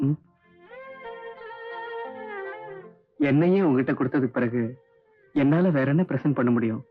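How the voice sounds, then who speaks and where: A man's voice: medium pitch, fast, close to an everyday voice. An actor playing a devoted young man, hurt yet teasing, in 1980s Tamil film dialogue with English phrases mixed in. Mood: tender. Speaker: film hero. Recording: dull lo-fi 1980s film soundtrack, faint music.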